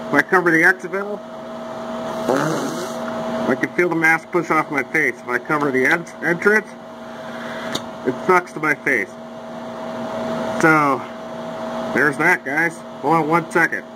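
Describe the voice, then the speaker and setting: A man speaks through a gas mask, his voice sitting a little high. He explains things plainly and casually, as in a home demonstration video. A loud steady hum runs under everything. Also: a little slow, pauses often. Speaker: vlogger. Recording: loud background noise.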